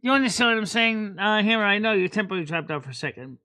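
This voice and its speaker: A woman's voice: medium pitch, expressive, fast talker, sharp tone. A woman hosting a casual livestream chat, rambling and repeating words as she thinks aloud. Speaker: host.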